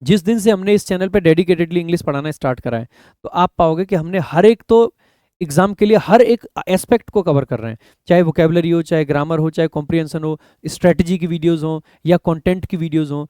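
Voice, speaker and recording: A man teaching exam vocabulary online, explaining in Hindi and reading English definitions slowly, letting his voice sink at phrase ends. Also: mellow, dry recording. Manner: drops pitch and volume at the ends of phrases; addresses viewers as "mere bhai".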